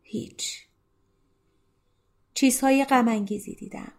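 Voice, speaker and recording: A woman reading the part of a tender, melancholy teenage girl in love, in a soft, slightly raised voice. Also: fairly high pitch, steady tone, close to an everyday voice. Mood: sad. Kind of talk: audiobook character reading.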